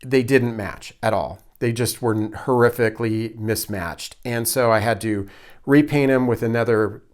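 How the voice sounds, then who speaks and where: A man's voice: medium pitch, a little slow. A man giving a casual, unscripted show-and-tell of a handmade project in a hesitant, thoughtful, self-deprecating way. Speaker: hobby prop maker, presenter.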